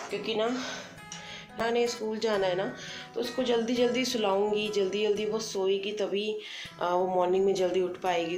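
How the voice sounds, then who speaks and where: A woman in her thirties talks through her day at home in an easy, chatty way, slipping English words into her sentences. Her voice rings a little in an echoey room. Music plays steadily beneath her. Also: mid-range voice. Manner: chatty, thinking aloud, mixing in English words. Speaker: homemaker vlogger. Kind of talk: casual daily vlog narration. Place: home kitchen.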